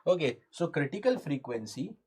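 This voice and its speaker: North Indian man teaching, higher-pitched voice. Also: big pitch swings, normal speed, a little mellow, slightly rough. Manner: repeats phrases, asks students questions, mixes Hindi into English. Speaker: engineering exam lecturer. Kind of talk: live online lesson, explaining step by step.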